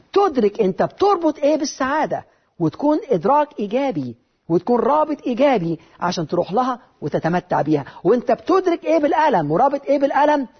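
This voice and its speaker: A man with an Egyptian Arabic accent giving a motivational talk, lively and rhetorical, with repeated phrases. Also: extremely high pitch, breathy edge, muffled recording. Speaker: motivational speaker.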